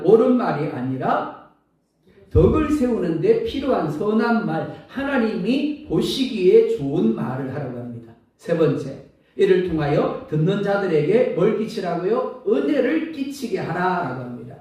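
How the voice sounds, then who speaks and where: A male pastor preaching a sermon with an animated delivery, acting out everyday sayings, his throat a little sore. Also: sits high. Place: church sanctuary. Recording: echoey church hall from far off.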